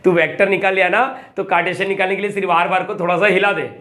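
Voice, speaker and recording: A young man teaching maths in a chatty, coaxing way, often repeating phrases slowly as he writes. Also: high-pitched, flat delivery, bright, forceful tone. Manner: chatty and coaxing, acts out student questions and repeats phrases slowly while writing. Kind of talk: classroom lecture.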